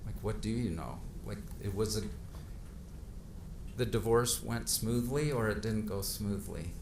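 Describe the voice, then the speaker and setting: A man cross-examining a witness, pressing with halting questions and fillers, heard in a courtroom recording. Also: fairly low pitch. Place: large courtroom. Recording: echoey courtroom audio with steady noise.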